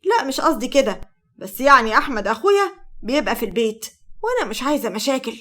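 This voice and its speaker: A woman's voice: high-pitched, big pitch swings, fast talker, pushed and bright, heavily acted. A woman voicing a naive, careless young woman with an Egyptian Arabic accent, wary and prickly.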